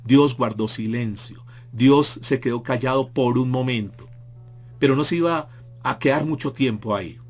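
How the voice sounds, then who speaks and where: A man's voice: medium pitch, moderate pace, faint music behind. A male pastor preaching a sermon with emphasis, rising and falling as he acts out the mockers' taunts.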